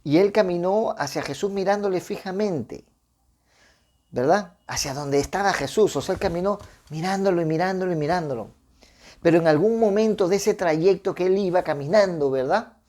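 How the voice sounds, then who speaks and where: A man's voice: sits high, moderate pace, a little mellow. A man giving an informal devotional sermon, reading a Bible passage and then reflecting on it in a chatty way, often checking in with his listeners and restarting phrases. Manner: conversational, with frequent tag questions and restarts. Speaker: preacher.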